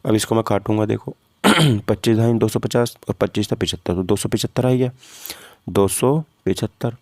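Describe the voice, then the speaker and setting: A male physics teacher doing exam preparation teaches informally in a lowish, darkish voice at a moderate pace. He works through practice questions step by step, often posing questions and answering them himself. The recording has no echo.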